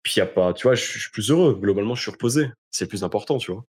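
Fast-talking young man with a very low voice. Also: animated, a little mellow, breathy edge. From France. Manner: informal, slangy, emphatic repetition. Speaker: interview guest. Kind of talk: casual conversation.

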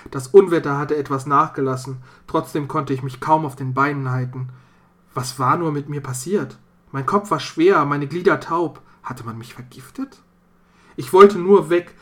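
A narrator reading a dark folk tale in the first person, measured and storytelling. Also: medium pitch. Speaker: audiobook narrator.

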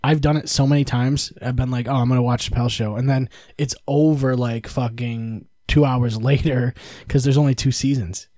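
A man's voice: medium pitch, fairly even intonation, normal speed, dark tone, no echo. A young adult man co-hosting a podcast in casual chat, laughing often and swearing freely. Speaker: podcast co-host.

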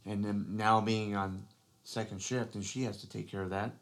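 A man with a fairly low voice co-hosts a casual podcast chat. He speaks earnestly and haltingly, restarting his sentences and filling gaps with "you know". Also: little pitch movement. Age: adult father. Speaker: podcast co-host.

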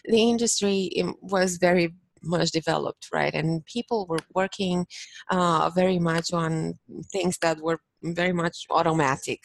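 A woman's voice: lowish voice, steady tone, measured pace, creaky, no room sound. A woman from Romania, a podcast guest who talks casually and thoughtfully, often restarting her sentences. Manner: thoughtful, many restarts and fillers. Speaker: podcast guest, business owner. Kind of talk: casual interview chat.

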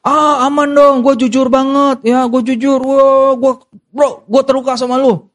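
A brash, touchy young man who keeps insisting on his own honesty, as a preacher puts him on. He talks in clipped slang, pitched well above the preacher's usual voice. The delivery is loud and boastful. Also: little pitch movement, measured pace.

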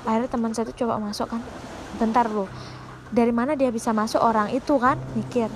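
Woman, high voice, casual true-story telling, hesitant restarts, hushed then loud, noisy recording with passing vehicles. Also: steady tone. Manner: hesitant, with frequent restarts and repeated phrases; shifts between hushed tension and loud, fast outbursts. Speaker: storyteller recounting a true personal experience.

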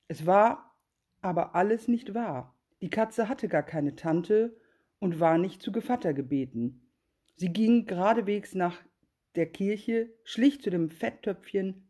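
A woman reading a fairy tale aloud in a calm, even storytelling manner. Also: mid-range voice.

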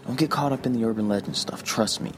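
A man's voice: mid-range voice, fast, lightly acted. Actor as placating, evasive everyday man. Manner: reassuring, hesitant. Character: evasive, placating man hiding local history. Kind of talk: audio drama acting.

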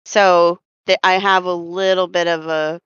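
A woman's voice: on the low side, level tone, measured pace, fairly bright tone, clean tone, dry recording. Woman with a slight Southern drawl. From Florida. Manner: rambling, laughs often, many fillers. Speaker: podcast host. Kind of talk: casual chat. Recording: dull lo-fi dry sound.

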